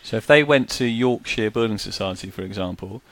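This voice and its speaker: A man co-hosting a podcast and asking the guest steady, methodical questions. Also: lowish voice, brisk, no echo. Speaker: podcast co-host, financial planner. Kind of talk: interview questions.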